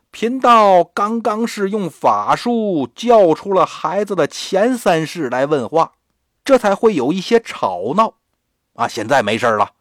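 A man's voice: a little high, fairly bright tone, no room sound, studio quality. A man doing a sly fake Taoist priest. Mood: smooth, placating.

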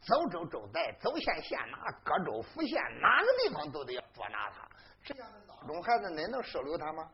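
A storyteller voicing a polite but sharp-tongued young male hero who argues in pointed questions. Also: on the high side, wildly swooping pitch, fairly quick. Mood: accusing. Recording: dull lo-fi recording.

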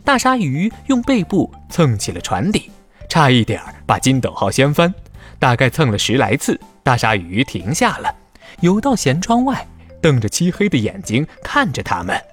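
A man narrating a scripted children's story in a dramatic, expressive way. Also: medium pitch, moderate pace, slightly rough, soft background music.

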